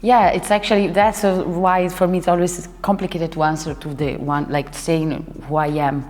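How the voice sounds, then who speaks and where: Fairly low-pitched and darkish, with a level tone, a young Italian dancer and choreographer talks casually as an interview guest. She often pauses to find words, restarts and laughs. The recording carries hall reverb and faint music.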